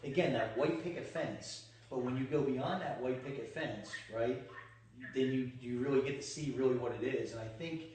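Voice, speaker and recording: A man's voice: medium pitch, moderate pace, a little mellow, slight background noise. A man hosting an interview, chatty and affirming, often agreeing with his guest. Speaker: host. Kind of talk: casual interview. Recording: echoey room, distant mic.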